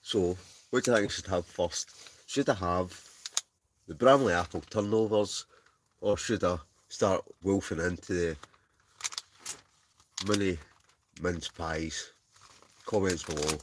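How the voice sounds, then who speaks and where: A man's voice: deep voice, unhurried, long pauses, slight background noise. A Scottish man chatting casually to livestream viewers in a rambling, chuckling, easily sidetracked way. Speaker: livestream host. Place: inside a tent.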